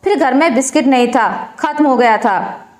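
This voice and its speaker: Woman voicing a gentle young daughter-in-law. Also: high-pitched, normal speed, natural voice. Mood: pleading. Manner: soft, pleading. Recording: roomy echo.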